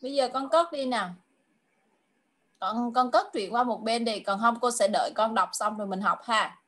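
High-voiced woman coaxing a child. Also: a bit bright. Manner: coaxing, repeats questions patiently; slow, drawn-out English clues. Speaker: tutor. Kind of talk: online English lesson for a child.

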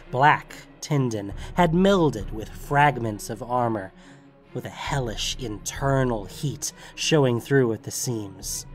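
A man narrates a fantasy tale in a mid-pitched voice, with faint music underneath. His storytelling is dramatic but steady.

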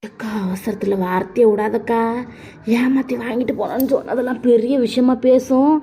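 A woman voicing a younger sister in a cartoon who pleads for calm. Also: a little high, normal speed, lightly acted. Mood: pleading. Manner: pleading, soothing. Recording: dull lo-fi with faint noise.

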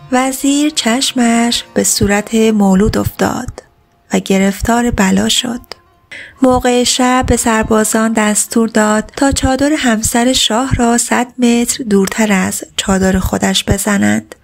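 Woman reading an old folk tale, kinda high voice with a bit of fry, faint music under it. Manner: plain storybook reading, voicing the characters' lines. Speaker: storyteller. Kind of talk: scripted narration of a folk tale. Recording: narration with background music.

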